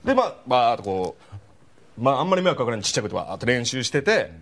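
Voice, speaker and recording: A man's voice: mid-range voice, racing. A man in his forties with a Kansai accent telling a comic anecdote on a talk show, bringing it to life. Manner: lively storytelling, acts out shouted quotes. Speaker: comedian telling a story.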